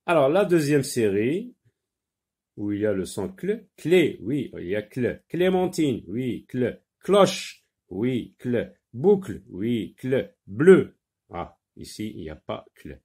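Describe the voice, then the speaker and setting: A male teacher giving a phonics lesson, pausing often with fillers and repeating words slowly for pupils to copy. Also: fairly low pitch, sing-song, a little mellow, slightly rough. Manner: slow, halting, many fillers, repeats words for drilling.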